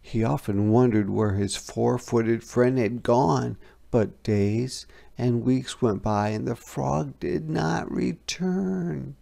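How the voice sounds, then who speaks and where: Reading aloud to children, a storybook narrator delivers an expressive, deliberate, dramatic performance. The voice sits at medium pitch with a creaky quality.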